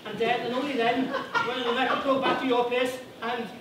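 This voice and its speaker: A man's voice: very high voice, little pitch movement, fairly quick. A man playing a laddish, pub-loving female dating show contestant in a stage comedy sketch, matter-of-fact and blokey. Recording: distant echoey noisy stage recording.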